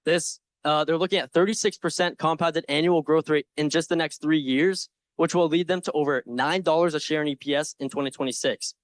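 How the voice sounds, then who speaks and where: A young man confidently and earnestly giving a prepared investment pitch with slides, with some informal asides. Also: fairly even intonation, brisk, few pauses, no echo. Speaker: presenter in a stock pitch competition.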